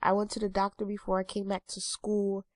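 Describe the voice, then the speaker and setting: A young woman in her twenties vlogs to her viewers in a casual talking-head style, rambling with lots of ums and uhs. Her nose sounds stuffy and congested, and her mid-range voice is monotone and brisk, with no room sound.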